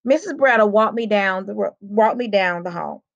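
A woman reads a children's chapter book aloud, telling the first-person story expressively. Her voice sits at a middle pitch for a woman. The recording sounds dull and lo-fi. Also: normal speed, vocal fry.

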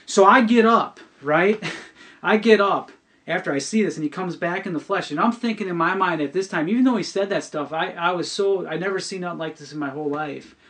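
This is a middle-aged man recounting a personal testimony on a podcast in a high-pitched, fairly bright voice. He comes across as earnest yet halting, with many restarts and repeated words.

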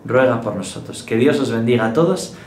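A man preaches a gentle daily sermon in an easy, conversational way. His mid-range voice carries some room echo. Faint ambient noise sits underneath. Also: medium pitch, lively intonation, fairly quick. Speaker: priest. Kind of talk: daily devotional sermon with a told joke.

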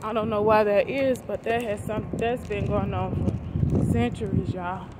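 A woman's voice: mid-range voice, fairly even intonation. A woman in her forties vlogging from her phone while she walks through a mall and then a parking lot, chatty and slangy. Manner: slow, chatty, slangy, talks straight to the phone while walking. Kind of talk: casual walking vlog chat. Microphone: phone held at arm's length. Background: background music, traffic and wind.

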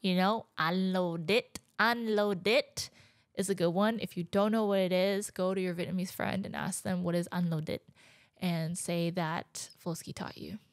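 Sitting on her living room couch, this podcast host in her twenties chats candidly on her own show, with an occasional laugh. Her voice is on the low side with fairly even intonation and normal speed, captured close on a handheld dynamic mic with no room sound.

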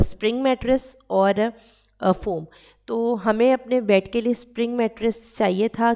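A chatty woman in her thirties with a Pakistani accent, narrating a home vlog in a relaxed, conversational voice-over. Her voice has a gravelly edge, and she sits at a middle pitch for a woman. She often pauses on "uh" and slips English words into her talk. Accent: Pakistani Urdu. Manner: chatty, with frequent "uh" fillers and English words mixed in. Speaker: vlogger.

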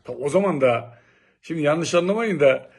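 A middle-aged man from Turkey telling old local stories in a lively, exclamatory, casual way. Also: fairly high pitch, normal speed, husky. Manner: animated, exclamatory, lively storytelling. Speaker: local vlogger reminiscing. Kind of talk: casual nostalgic monologue.

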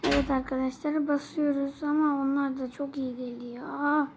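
Young woman with a Turkish accent, high voice, gaming commentary for her viewers, chatty and quick to get frustrated, noisy home recording. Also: level tone. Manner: chatty, easily frustrated, addresses viewers constantly. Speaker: gaming channel host. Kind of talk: mobile game commentary.

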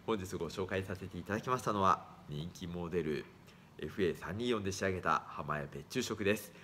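A man's voice: fairly quick, slight background noise. A man in his thirties, an eyewear shop worker, giving a formal, courteous product presentation into a phone camera in a small shop. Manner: formal, courteous, lively rises in pitch. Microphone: phone camera at arm's length.

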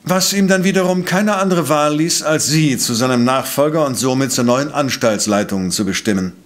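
An actor playing a coolly precise professor-detective in a radio play, questioning in a formal, probing way. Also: male voice, medium pitch, moderate pace, natural voice. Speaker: voice actor in audio drama.

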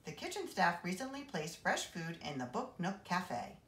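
A woman's voice: fairly low pitch, sing-song, moderate pace, fairly bright tone. Brief: woman reader doing polite robotic librarian, motherly, formal, roomy sound. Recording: roomy echo.

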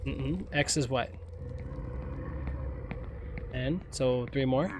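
A game streamer and dad gives casual live commentary into a headset, exasperated and pleading with the game, while game ambience and noise play behind him. His medium-pitched voice moves extremely slowly.

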